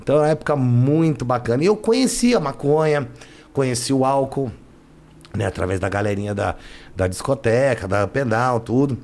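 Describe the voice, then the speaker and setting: A man's voice: medium pitch, animated, fairly quick, a little mellow. A man, a guest telling his life story in casual, slangy talk that leans on "né" and "cara". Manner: slangy, keeps adding "né" and "cara". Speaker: interview guest.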